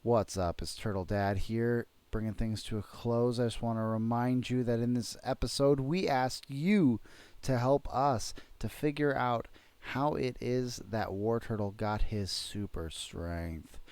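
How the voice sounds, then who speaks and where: A father hosting a casual podcast, gently prompting his child with questions and then signing off with an upbeat reminder to listeners. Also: mid-range voice, measured pace, clean tone, no room sound.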